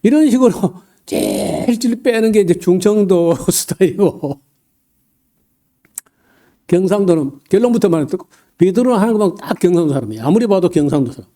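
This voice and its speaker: Dark-voiced pastor preaching a sermon. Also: male voice, sits high, expressive. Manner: halting delivery with many fillers and frequent throat-clearing; folksy, humorous asides.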